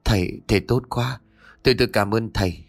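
A man's voice: on the low side, a little fast, gravelly. A man voicing an anxious village father who talks in a flustered, deferential way. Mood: grateful.

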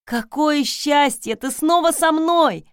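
A woman's voice: high-pitched, lively intonation, measured pace, dry recording, studio quality. A woman voicing a devoted young man, who sounds eager and emotional. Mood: overjoyed.

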